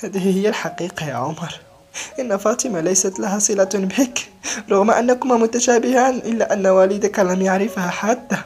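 A woman's voice: mid-range voice, brisk, a little mellow, soft background music, pitched above the performer's own voice, natural voice. A woman voicing an orphanage directress who pleads emphatically in a raised voice. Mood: urgent pleading. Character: stern older orphanage directress, urgent.

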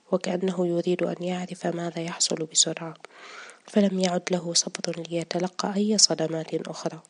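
A woman reading a story aloud in a soft, partly whispered way. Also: lowish voice. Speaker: narrator. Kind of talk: scripted story narration.

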